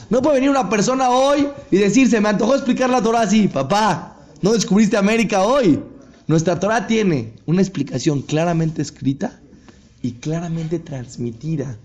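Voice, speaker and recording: A man's voice: high voice, normal speed. A man, a rabbi giving a sermon and acting out the voices of a story. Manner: animated storyteller acting out dialogue.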